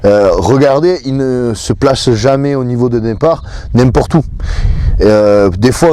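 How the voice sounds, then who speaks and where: A man's voice: mid-range voice, mellow, no room sound. A man coaching golf, explaining in an assured, casual way. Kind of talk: casual instructional chat.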